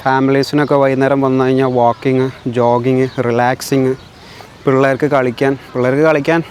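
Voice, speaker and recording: A man's voice: medium pitch, little pitch movement, brisk, darkish tone. Malayali man vlogging, mixing in English. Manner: mixes English words into Malayalam. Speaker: vlog host. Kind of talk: casual vlog commentary. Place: outdoors in a zoo park. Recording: clear outdoor ambient noise, birds.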